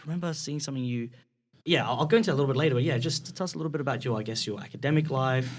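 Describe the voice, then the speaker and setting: A man's voice: medium pitch, racing, a little hiss or hum. A man hosting a podcast, asking casual questions that ramble and trail off. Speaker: podcast host. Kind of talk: casual interview talk.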